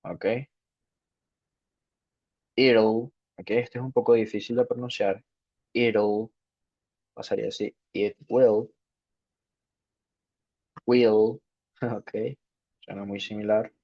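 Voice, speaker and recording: Male teacher, unhurried lesson delivery, muffled low-fi audio. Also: little pitch movement. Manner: slow, repeats "ok" to check understanding. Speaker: English teacher. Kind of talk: spoken grammar lesson. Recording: dull lo-fi sound.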